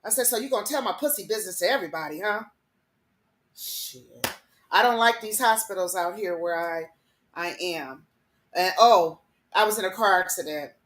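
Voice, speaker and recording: A woman's voice: mid-range voice, moderate pace, fairly bright tone. Heated, profane woman ranting, echoey room. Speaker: internet radio host. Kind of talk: solo ranting monologue.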